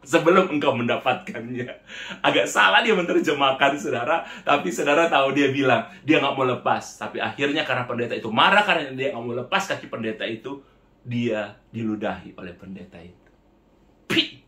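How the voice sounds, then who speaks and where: A male pastor delivers a storytelling sermon at a middle pitch, calling out to his listeners over and over and putting on the voices of the people in his story. His words ring around an echoey room. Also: expressive, a little fast, bright, forceful tone. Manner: addresses the congregation as "saudara" repeatedly, acts out quoted voices.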